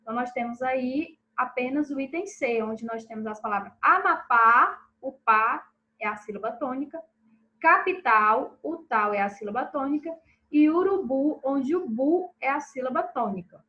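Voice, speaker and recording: Woman teacher, high-pitched, recorded lesson, slow clear syllables, checks in with pupils. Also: fairly bright tone, dull audio. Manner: checks in with pupils after each answer; stresses syllables slowly and clearly. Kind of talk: recorded lesson reviewing exercises.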